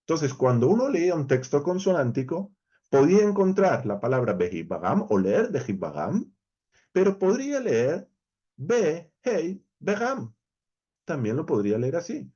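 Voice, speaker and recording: A man's voice: fairly high pitch, very animated, normal speed, warm tone, breathy edge, muffled recording. A man with a Spain Spanish accent teaching a verse-by-verse Bible study lesson, explaining animatedly and speaking straight to his viewers.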